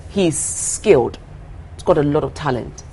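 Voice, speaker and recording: A young Ghanaian woman, a singer being interviewed, speaks earnestly in a casual conversation, often repeating her words and laughing easily. Her voice is low, husky and warm, with lively intonation and a measured pace, though the audio quality is poor.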